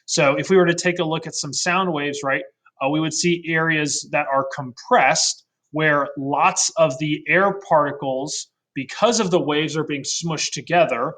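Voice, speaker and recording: A man's voice: fairly high pitch, measured pace, fairly bright tone. A man teaching a recorded science lesson in a casual way, often adding "right?" and correcting himself mid-sentence. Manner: fillers and self-corrections.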